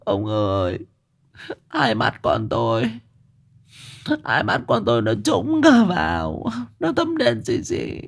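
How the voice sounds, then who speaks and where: A man's voice: slow pace, gravelly, full character voice. A man voicing a frantic middle-aged village mother who stammers and cries out in fear. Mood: distraught. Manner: sobbing, shrill, stammering.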